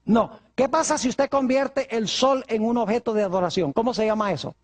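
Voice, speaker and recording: A man's voice: extremely high pitch, normal speed. A male pastor preaching a sermon, asking his congregation rhetorical questions.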